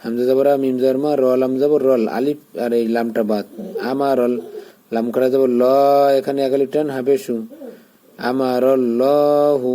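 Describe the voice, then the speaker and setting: A man's voice: medium pitch, fairly even intonation, mellow. A man teaching Quran reading, spelling out the Arabic letter by letter and patiently explaining how to join the sounds. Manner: slow drawn-out chanting when joining words.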